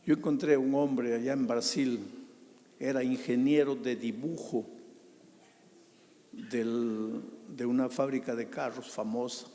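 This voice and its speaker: A male pastor preaching a sermon in a church, telling stories with emphasis and dramatic pauses. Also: medium pitch, steady tone, dark tone. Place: large church. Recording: long church reverb.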